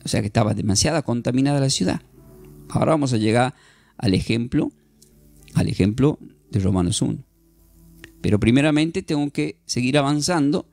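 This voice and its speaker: Brief: male Bible teacher, lively and jokey, mid-range voice, dry sound. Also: mid-range voice, moderate pace, creaky, long pauses, no echo, soft background music. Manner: animated, jokey, acts out scenes, frequent restarts. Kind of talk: informal Bible class.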